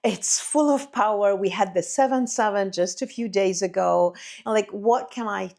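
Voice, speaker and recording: This Egyptian woman, who speaks Arabic, runs a spiritual channel and talks directly to her beloved listeners in a rolling, incantatory stream of stacked phrases. Her mid-pitched voice has vocal fry and a darkish tone at normal speed, and "you know, like" crops up often.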